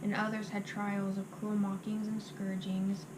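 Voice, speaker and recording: Female reciter, mid-pitched and monotone, delivering memorised scripture by rote in halting phrases; noisy amateur recording.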